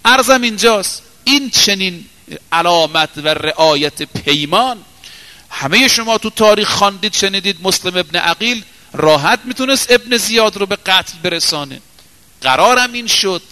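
A man preaching a sermon, telling a story dramatically and moving between raised exclamations and hushed, slowed passages. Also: sits high, expressive, big-room sound.

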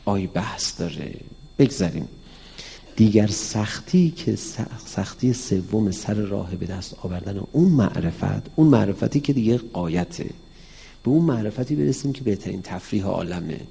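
Gravelly-voiced man lecturing in a reverberant hall. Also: fairly low pitch. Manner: lively, acts out quoted dialogue in a raised voice. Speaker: cleric teaching mysticism. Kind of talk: religious lecture to an audience.

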